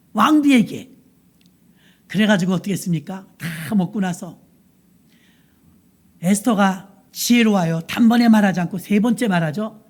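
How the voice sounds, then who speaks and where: A woman pastor retells a scripture story from the pulpit with a high voice. She is animated and playful, dramatizes the scenes and keeps asking her congregation questions. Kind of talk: sermon storytelling.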